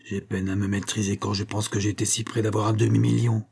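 A man reading an audiobook, voicing a contemptuous, hot-tempered young male horse trainer who shouts insults at his servant. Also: lowish voice, level tone, brisk, creaky, breathy edge. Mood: furious. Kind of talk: audiobook character voice.

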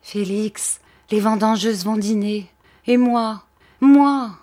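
A woman's voice: takes it slowly, dark tone, no echo, natural voice. A woman voicing a feverish dying countess. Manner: pleading, breathless, high childlike voice. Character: dying noblewoman, feverish and childlike, longing to live. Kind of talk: audiobook character voice.

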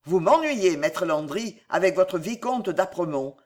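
Brash old swordsman, as the reader puts him on, loud and blustering, lively pitch, audiobook. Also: a little slow. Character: old brash male soldier of fortune. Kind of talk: audiobook character reading.

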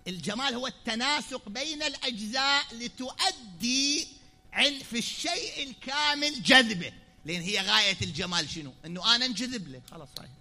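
Iraqi male preacher at a pulpit, high and very bright voice, teacherly sermon that swings to loud declaiming. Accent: Iraqi Arabic. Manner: explanatory, swings from quiet asides to loud declaiming. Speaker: preacher at a mourning gathering. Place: pulpit in a hall.

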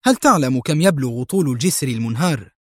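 A man voicing a calm, confident male hero in an audio story, speaking with cool irony. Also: medium pitch, fast talker, dry recording, studio quality, close to an everyday voice.

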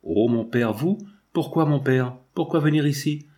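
An earnest, pleading young girl speaks to her family, read out by a man in his own voice. The audiobook delivery stays close to the storyteller's plain tone. Her words come steady and heartfelt. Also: medium pitch, moderate pace, voice pushed up, lightly acted. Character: young devoted peasant girl, daughter. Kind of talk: audiobook reading.

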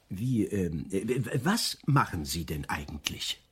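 A gentlemanly Victorian doctor, caring and somewhat weary. His voice is very husky and moves expressively up and down, with a polite hesitancy suited to classic radio drama. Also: low voice, very animated, takes it slowly, exaggerated voice. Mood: curious, hesitant. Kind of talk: German radio crime drama acting.

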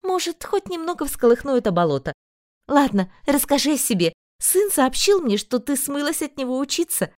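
A woman voicing a grumpy, sly aristocratic mother who talks high, shrill and sharp-tongued. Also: sing-song, normal speed, no room sound, clean studio sound. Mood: sly warm.

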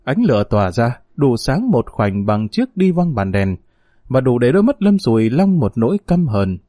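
A man narrating a novel as an audiobook in an expressive, dramatic storytelling manner. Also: medium pitch, moderate pace, no echo, studio quality.

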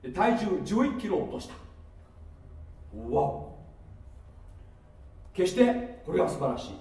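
A man preaching a sermon, playful and animated, with asides and laughter, recorded from a distance in a church hall. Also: high voice, unhurried. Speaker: pastor. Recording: echoey hall from far off with faint noise.

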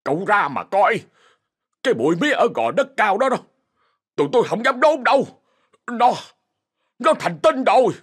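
A man's voice: high-pitched, big pitch swings, moderate pace, long pauses, voice pushed up. Man doing a panicked breathless old farmhand. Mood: terrified. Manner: panicked, stammering.

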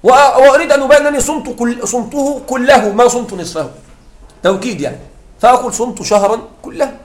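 With a voice pitched notably high for a man, a grammar teacher guides his students through repeated examples and stops to ask if they understand. A clear echo from the classroom colors the sound.

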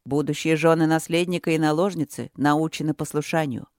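Figure: woman reading a haughty creaky young acolyte. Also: low voice, normal speed, darkish tone, no room sound, clean studio sound, lightly acted. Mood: lecturing. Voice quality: creaky, rarely-used voice. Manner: haughty and blunt. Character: aloof young male temple acolyte, haughty, curt.

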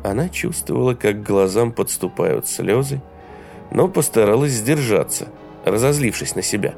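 A man giving a steady, even reading of an audiobook as its narrator. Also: fairly low pitch, normal speed, gravelly, soft background music.

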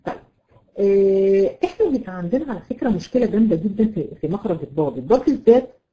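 A woman with an Egyptian Arabic accent teaching Quran recitation, repeating letters slowly to demonstrate and checking on her students by name. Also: mid-range voice, expressive, muffled recording. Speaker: tajweed teacher. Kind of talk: live online Quran recitation lesson.

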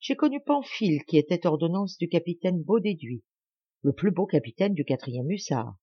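Expressive woman reading an audiobook. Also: fairly low pitch, moderate pace, husky, no echo, highs cut off. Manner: expressive, lively character reading. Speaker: audiobook narrator. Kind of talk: audiobook reading of a classic tale.

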